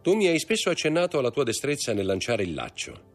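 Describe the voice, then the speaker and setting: A man's voice: medium pitch, huge pitch swings, faint music behind, pitched above the performer's own voice. A man voicing a composed, enigmatic wealthy nobleman who speaks courteously and measuredly for an audiobook. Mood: commanding. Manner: courteous, measured, commanding to servants. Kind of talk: audiobook character voice.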